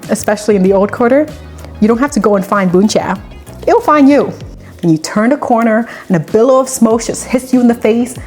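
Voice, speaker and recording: A cooking channel host with a medium-pitched, darkish voice walks through a recipe, chatting conversationally and adding personal asides. Faint music plays in the background.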